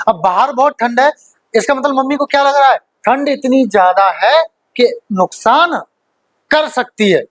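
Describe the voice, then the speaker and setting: A man's voice: very high voice, no room sound. A man teaching English grammar in a live online class, in a chatty, joking way with many rhetorical questions and checks that students follow.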